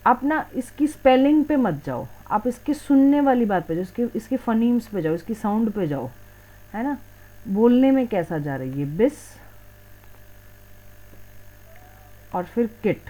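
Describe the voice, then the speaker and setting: A woman's voice: on the high side, sing-song, normal speed, dark tone, poor audio. A woman teaching an English exam lesson, switching between Hindi and English and posing questions she then answers herself. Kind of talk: explaining a lesson.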